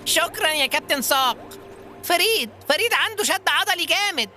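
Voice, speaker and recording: A woman's voice: very high-pitched, animated, brisk, bright, forceful tone, faint music behind, heavily acted. A woman playing a fussy cartoon sidekick. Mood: fussing. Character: fussy helpful sidekick Safrout. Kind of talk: children's audio drama.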